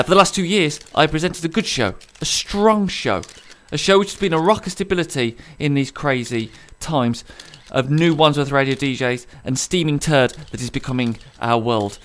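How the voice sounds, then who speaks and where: A man's voice: a little high, a bit bright. A man with a Brummie accent, a radio host giving a pompous, self-mocking mock press conference speech.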